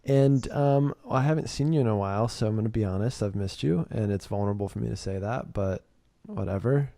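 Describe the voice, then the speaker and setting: A man's voice: fairly low pitch, a little fast, vocal fry, warm tone, dry recording. A man hosting a podcast, chatting casually and joking with frequent laughs. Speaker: podcast host. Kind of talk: casual chat.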